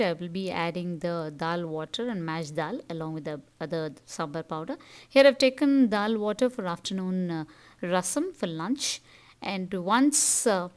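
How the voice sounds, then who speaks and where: A middle-aged South Indian woman with a Tamil accent vlogs about her home life, casually explaining her cooking and chores step by step. Her voice is medium-pitched and darkish, with a clean tone.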